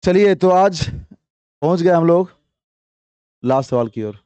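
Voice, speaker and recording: A man teaching English grammar to a class, quizzing students with repeated questions and reading example sentences slowly before explaining them briskly. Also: fairly high pitch, lively intonation, dark tone, smooth, dry recording, muffled recording.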